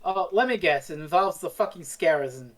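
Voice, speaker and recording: A woman's voice: fairly low pitch, brisk. Sarcastic, swearing woman podcaster. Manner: profane, sarcastic, animated. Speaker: podcast co-host. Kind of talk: casual chat.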